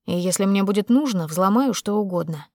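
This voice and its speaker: A woman's voice: medium pitch, a little fast, dry recording, studio quality, close to an everyday voice. A woman voicing a cold, commanding young man. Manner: flat, curt, commanding. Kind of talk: audiobook character voicing.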